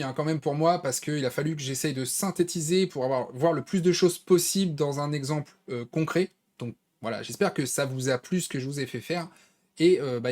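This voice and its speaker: This screen-recorded design-tool tutorial is led by a man with a French accent and a fairly high, darkish voice. He keeps things casual and conversational, with many fillers.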